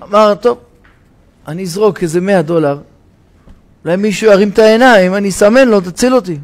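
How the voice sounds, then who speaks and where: A rabbi delivers a sermon in a synagogue with a fairly high voice. He acts out his parables with rising cries and sudden drops to a hush. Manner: dramatic storytelling, shouting the parable's cries for help.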